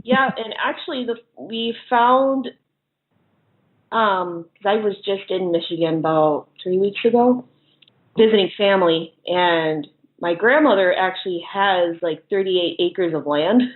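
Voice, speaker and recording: A woman with a mid-range, unhurried voice is an interview guest and horror filmmaker, chatting casually. She's giggly, often laughing mid-sentence, and the audio is thin and narrow, like a phone line.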